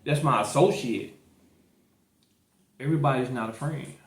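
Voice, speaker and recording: A podcast host with a St. Louis, Missouri accent presses his point in a casual debate, repeating himself as he goes. His voice is medium-pitched at a normal speed, recorded in an echoey room.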